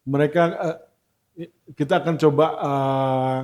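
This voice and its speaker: A man hosts a relaxed talk show with a warm, mellow voice at a middle pitch. He agrees readily and pauses on fillers as he works toward his questions. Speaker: host. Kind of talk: casual podcast chat.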